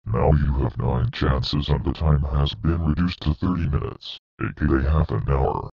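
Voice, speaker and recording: A man's voice: moderate pace, creaky, lo-fi sound, heavy background noise. A synthetic male voice playing a menacing stick-figure computer demon with a robotic tone. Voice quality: deep robotic demonic text-to-speech voice. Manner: flat threatening ultimatums.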